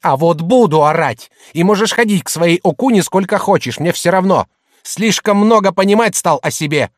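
A man reading an audiobook, voicing a middle-aged merchant's wife who mocks and shouts at her husband. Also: high voice, lively intonation, normal speed, dry recording, studio quality. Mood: shouting. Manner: loud, mocking, hectoring.

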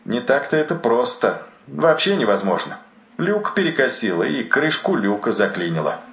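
A man's voice: mid-range voice, very animated, moderate pace, reverberant, pitched above the performer's own voice. A man voicing a dazed, rambling sailor trapped below deck, chattering in a detached, dreamy way in an audiobook. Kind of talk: audiobook narration.

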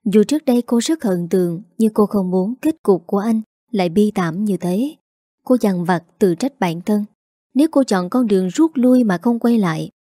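A woman narrating an audio story in an even, measured way. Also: medium pitch, dry recording, studio quality.

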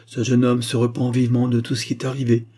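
A man's voice: mid-range voice, completely flat delivery, quick pace, dark tone, husky, natural voice. A man reading aloud gives voice to a distraught noble mother who pleads and exclaims. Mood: pleading. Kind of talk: audiobook dialogue reading.

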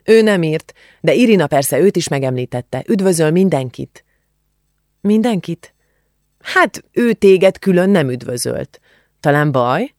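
A woman's voice: low voice, animated, darkish tone, dry recording, clean studio sound. A woman reading the part of a brash, cheeky teenage girl who speaks bluntly and offhandedly, in an audiobook. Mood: teasing.

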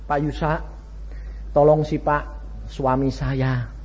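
A man's voice: a little high, level tone, darkish tone. A man quoting a pleading Javanese-accented wife. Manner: pleading, slow. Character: worried middle-aged woman pleading for her husband. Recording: dull lo-fi with faint background noise.

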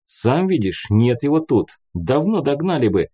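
A man's voice: medium pitch, big pitch swings, a little slow, mellow, slightly rough, voice pushed up. A man voicing a cocky, blunt male mercenary leader in an audiobook.

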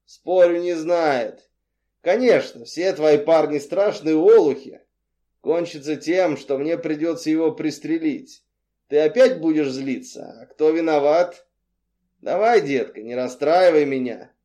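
A male audiobook reader voicing a smug male crime boss who taunts in a drawn-out, mock-tender way. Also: fairly high pitch, animated, mellow. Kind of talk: audiobook character reading.

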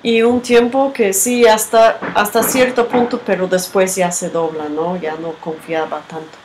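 A woman giving a reflective teaching talk with a personal story. She speaks in a halting, unhurried way and often ends with a questioning tag. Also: medium pitch, fairly even intonation. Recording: background noise.

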